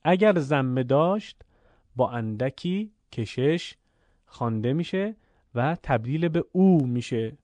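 A man teaching Quran recitation, explaining rules clearly and then chanting the examples slowly and drawn out. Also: mid-range voice, lively intonation, darkish tone, no echo. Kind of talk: recorded recitation lesson.

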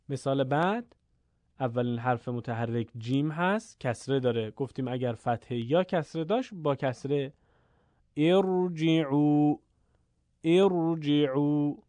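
A man teaching Quran reading in a lesson. He explains the rules quickly and says the example words slowly and drawn out. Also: medium pitch, darkish tone, no echo. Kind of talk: lesson with slow word drills.

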